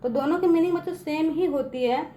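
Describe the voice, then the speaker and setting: A woman's voice: high voice, warm tone, slight background noise. A woman teaching children spelling, patiently repeating each step and checking in after nearly every line. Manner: repeats "theek hai" constantly, patient and drawn-out; addresses viewers as children.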